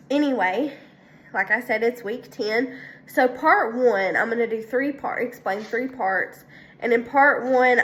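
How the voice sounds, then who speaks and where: Young female student, congested, slightly high voice, unhurried, halting delivery with frequent fillers. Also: a bit bright. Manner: hesitant, many ums and restarts. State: congested from a sinus infection. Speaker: student presenting a weekly assignment. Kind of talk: casual spoken class presentation.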